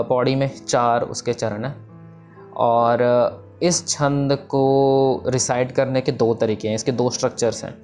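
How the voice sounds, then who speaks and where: A man teaching the structure of Sikh scripture verses in a casual, explanatory way, pausing on fillers and mixing in English terms. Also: medium pitch, a little mellow.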